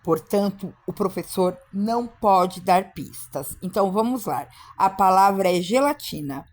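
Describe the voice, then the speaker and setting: A woman explains classroom practice to teachers in a firm, emphatic way. Her voice sits in a middle pitch. She slips into short acted exchanges between teacher and child. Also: a little slow, darkish tone, a little hiss or hum. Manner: emphatic, acts out classroom dialogues. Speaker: teacher trainer. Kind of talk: instructional talk for teachers.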